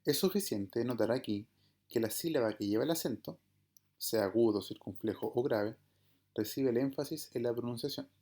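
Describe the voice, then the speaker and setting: A man teaching an online class in a dark, mellow voice at a middling pitch. His comes through as he explains each point step by step. He keeps checking that his listeners follow him. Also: moderate pace. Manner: patient, explanatory, checks understanding with "¿verdad?" and "¿bien?". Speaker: Greek teacher.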